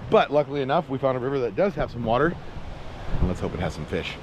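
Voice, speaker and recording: A fast-talking man with a mid-range, sing-song voice chats casually to viewers in a very noisy recording with music behind him. As an outdoor camping and fishing vlogger, he's folksy, playful and exuberant, full of quirky slang.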